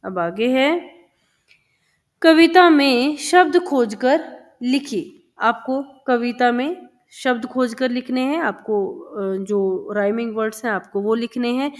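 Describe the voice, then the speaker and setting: A woman's voice: fairly high pitch, slow. A woman teacher explaining a children's textbook lesson, patiently repeating words and sounds for young pupils.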